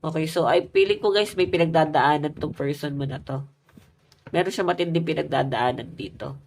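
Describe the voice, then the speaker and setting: A woman's voice: deep voice, moderate pace, darkish tone, a little hiss or hum. A woman giving a casual love tarot reading, chatty and talking straight to her viewers, her voice stuffy and nasal from a cold. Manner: chatty, addresses viewers as guys. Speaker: tarot reader.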